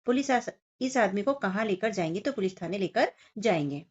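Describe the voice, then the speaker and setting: A woman's voice: mid-range voice, expressive, normal speed, breathy edge. A woman teacher walking young children through a Hindi workbook lesson, explaining each picture and question step by step and speaking to them directly. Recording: dull lo-fi sound.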